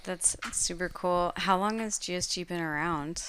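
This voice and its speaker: Smooth-voiced woman asking interview questions. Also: on the low side, a bit bright, no echo. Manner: enthusiastic, quick reactions. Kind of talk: casual interview conversation.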